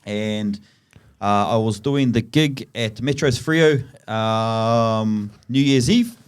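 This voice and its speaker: Male, broad Kiwi accent, slightly low pitch, slangy podcast storyteller, casual and matey. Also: takes it slowly, smooth. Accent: broad New Zealand. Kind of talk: casual chat, yarning anecdote.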